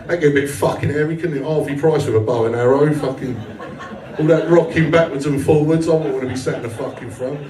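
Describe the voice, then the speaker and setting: This comic, also in his 40s, talks fast in a warm, higher-leaning voice. He works a small live room with crude, frank humor, bantering with the audience at his own expense, and the distant mic catches the club's echo and crowd sounds.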